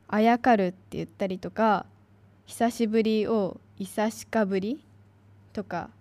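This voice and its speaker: A woman's voice: mid-range voice, a little mellow, no room sound. A young woman from Kanagawa, an announcing student, giving a chatty free talk with many fillers. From Kanagawa, Japan. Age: young adult.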